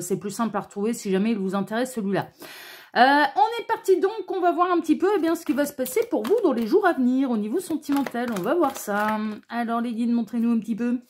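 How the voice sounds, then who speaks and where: A woman hosting her own channel, giving a casual tarot reading to camera in a chatty style full of fillers and restarts, sometimes dropping to a quiet murmur as she draws the cards. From France. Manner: chatty, many fillers and restarts, drops to a low murmur while shuffling. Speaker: tarot reader and channel host.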